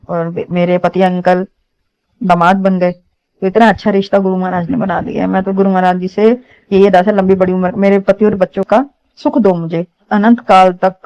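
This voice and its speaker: Woman devotee; earnest, rambling testimony, smooth clear tone. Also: fairly low pitch, a little mellow, highs cut off. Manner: earnest, rambling, many restarts. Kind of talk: emotional testimony to a congregation.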